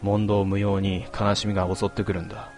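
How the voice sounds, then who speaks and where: Low-voiced man narrating a story. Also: level tone, fairly quick, over music. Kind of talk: first-person story narration.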